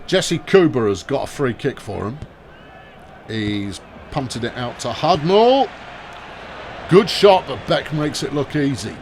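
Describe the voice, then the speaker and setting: A man gives dry, sarcastic commentary on a football management game. His voice has a gravelly edge and swings widely in pitch. A faint noise sits in the background. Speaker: gaming commentator. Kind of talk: casual gameplay commentary.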